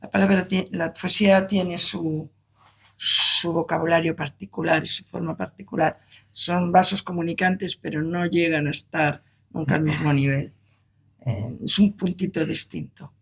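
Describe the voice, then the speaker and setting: A man presents a book event and muses aloud, often pausing to find the right words. His voice is gravelly and husky, and it sits a little high. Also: steady tone, a bit bright. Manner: reflective, searching for words. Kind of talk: conversational book presentation talk.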